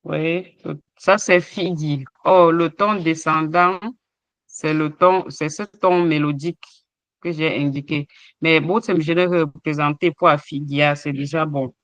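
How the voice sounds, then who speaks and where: A man in an online training session, slowly checking participants' answers one by one. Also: on the high side, steady tone, a bit bright, no echo.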